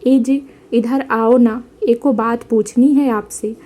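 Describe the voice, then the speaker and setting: An innocent young village bride who takes every word literally, speaking in simple, rustic phrases, as a woman narrator puts her on. The voice sits fairly high and sounds mellow. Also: steady tone, takes it slowly. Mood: earnest. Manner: simple rustic speech, earnest.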